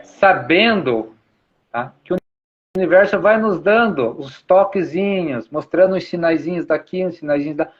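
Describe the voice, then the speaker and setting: A man with a fairly high voice gives an informal spiritual talk, explaining his ideas patiently and circling back to repeat them. He keeps checking in with little tag questions. The recording is dull and lo-fi. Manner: repetitive, explanatory, uses many tag questions. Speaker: spiritual speaker. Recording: dull lo-fi sound.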